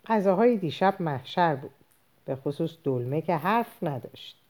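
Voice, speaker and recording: A woman's voice: low-pitched, animated, darkish tone. A woman reading the part of an easygoing middle-aged husband who teases as he praises dinner. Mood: pleased.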